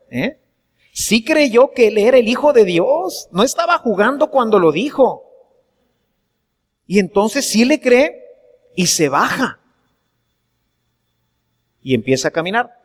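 High-voiced priest preaching in church. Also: male voice, long reverb tail. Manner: earnest preaching with rhetorical questions to the congregation. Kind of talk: sermon.

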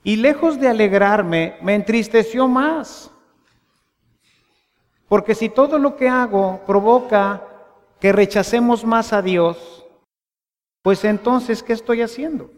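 High-voiced Mexican priest preaching slowly. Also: male voice. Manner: conversational preaching with rhetorical questions. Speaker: parish priest. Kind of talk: sermon. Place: church. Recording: long church reverb.

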